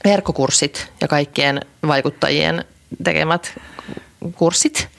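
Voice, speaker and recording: A young adult woman with a low-pitched, gravelly, fairly bright voice co-hosts a podcast in a casual, rambling chat with many fillers and restarts. A little hiss or hum is audible.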